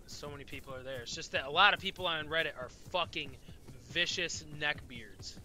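A man's voice: fairly high pitch, fast talker, sharp tone. A man live-streaming a game, chatting loosely with viewers, swearing often and sounding tired. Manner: profane, rambling, talks to chat. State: tired, yawning. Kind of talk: casual live-stream commentary.

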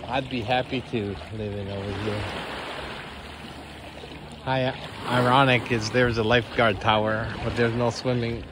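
A man's voice: medium pitch, little pitch movement, unhurried. A man narrating a walking tour of a beach for his travel vlog, easygoing and chuckling, marveling at the view. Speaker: travel vlogger. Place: outdoors on a tropical beach. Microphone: phone camera held while walking. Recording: outdoor wind and water noise.

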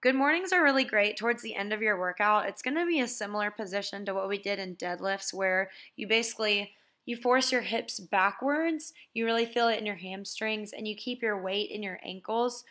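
A young woman walks the listener through a gym routine in an easygoing, conversational voice-over. She talks in a relaxed, chatty way and keeps explaining each move plainly. Her pitch sits in an ordinary middle range. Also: moderate pace. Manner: relaxed, chatty instruction with "basically" and "so". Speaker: fitness vlogger. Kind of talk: casual workout walkthrough voice-over.

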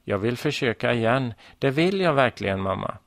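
A man's voice: mid-range voice, lively intonation, no echo, clean studio sound, lightly acted. A man voicing a flustered schoolgirl, sighing and rueful, in a children's story. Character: flustered schoolgirl who fears her recital. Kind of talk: storybook reading.

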